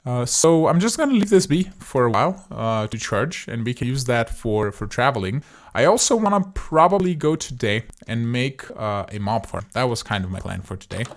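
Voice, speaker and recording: A man's voice: mid-range voice, animated, moderate pace. A man giving casual, chatty gameplay commentary as host of a gaming video, thinking aloud as he goes.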